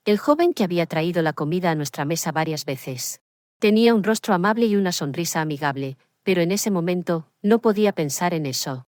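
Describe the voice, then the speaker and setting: An older woman narrating a dramatic first-person story in a steady, even delivery. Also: lowish voice, dry recording, clean studio sound.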